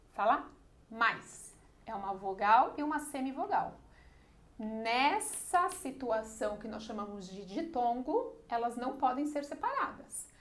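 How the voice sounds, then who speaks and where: Higher-voiced woman teaching a lesson. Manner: explanatory, often checking in with "tá?" and "ok?". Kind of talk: online literature lesson.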